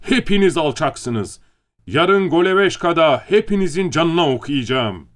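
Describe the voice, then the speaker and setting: A man voicing a drunk young male writer who shouts angry accusations in an audiobook. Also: on the high side, lively intonation, normal speed, pitched above the performer's own voice, lightly acted. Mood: raging.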